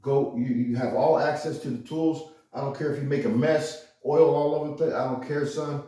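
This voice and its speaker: A man in his garage quoting his father, a gruff, encouraging biker who pushes him with repeated commands. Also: medium pitch, steady tone, moderate pace, mellow, pitched above the performer's own voice, natural voice. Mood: urging. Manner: insistent, repetitive commands. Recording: echoey garage, far from mic.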